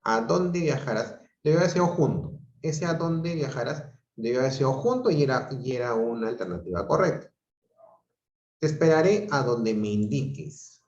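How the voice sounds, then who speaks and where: Through a video call microphone, with roomy, dull audio, a man teaches grammar online from a home room. He speaks in a mid-range, slightly mellow voice with big pitch swings at a moderate pace, going step by step and often checking on his students.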